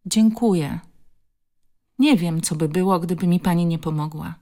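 A woman's voice: lowish voice, moderate pace, warm tone, close to an everyday voice. A woman voicing a frightened, tearful young schoolgirl who pleads desperately. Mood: timid.

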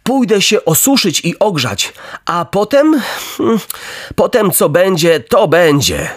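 A man voicing a puppet boy in a storybook reading, sounding young, lively and a bit wary. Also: high voice, slow pace, exaggerated voice. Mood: musing.

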